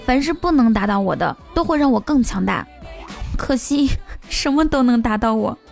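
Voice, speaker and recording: A woman hosts a comic monologue and tells jokes in a playful, teasing way. Her voice sits a little high. Soft music plays behind her. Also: lively intonation, moderate pace, gravelly. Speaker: host.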